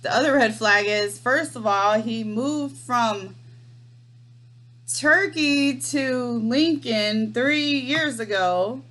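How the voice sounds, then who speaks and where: A woman's voice: a little high, a bit bright. A woman telling a story in a casual chat, wry and amused, laughing often as she talks. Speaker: storyteller vlogger.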